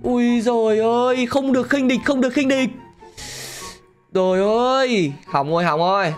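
A man giving excitable gameplay commentary, laughing often and talking straight to his viewers. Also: extremely high pitch, moderate pace, faint music behind. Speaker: gaming channel host.

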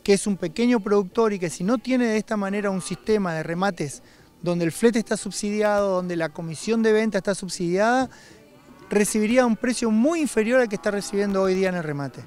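A middle-aged man speaks in a notably high voice. He gives interview remarks outdoors into a reporter's handheld microphone. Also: fairly quick, darkish tone. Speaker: livestock producers' representative. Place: outdoors by cattle pens.

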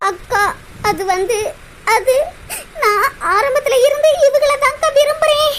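A woman's voice: very high voice, animated, a little slow, exaggerated voice. A woman voicing a timid young village woman in a cartoon, meek and pleading, with a Tirunelveli Tamil accent. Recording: loud background noise.

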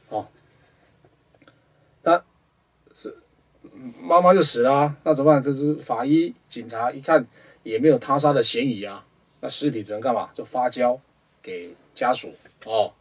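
A man with a Taiwanese Mandarin accent, hosting a studio show and telling a ghost story dramatically, jumping between loud rhetorical questions and hushed asides. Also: mid-range voice, breathy edge, distant mic.

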